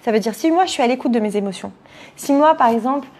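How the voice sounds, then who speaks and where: A woman's voice: a little high, animated, fast talker, darkish tone. A woman giving relationship advice to an audience, speaking earnestly and explaining her points through rhetorical questions.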